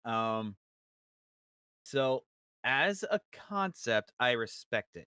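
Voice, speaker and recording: Smooth-voiced guy weighing his opinion. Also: medium pitch, sing-song, drawn-out words, sharp tone, no echo, studio quality. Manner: reasoned, hedging with ums, swears casually. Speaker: podcast guest. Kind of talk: casual chat.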